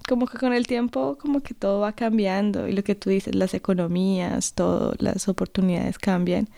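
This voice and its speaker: A woman's voice: mid-range voice, fairly even intonation, normal speed, gravelly, warm tone, no echo, studio quality. A woman interviewing a guest in a casual chat, talking in a hesitant way.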